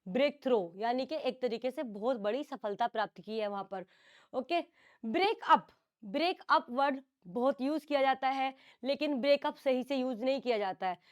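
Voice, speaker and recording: Woman teacher, high voice, online class, explains each term twice in two languages. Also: normal speed, smooth. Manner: explains phrasal verbs, calls on students by name, repeats words in English and Hindi. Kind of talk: online exam-prep class.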